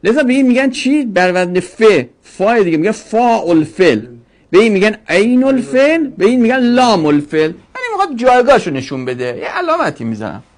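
A man teaching a grammar lesson to a class, drawing out each word form slowly and asking questions he then answers himself. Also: high voice, big pitch swings. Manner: drills word forms slowly, stretching each syllable.

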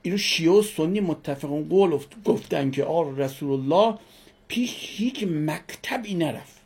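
A woman's voice: sits low, animated, darkish tone, husky. A woman teaching a religion class who asks her students questions and answers them herself, repeating key words for emphasis.

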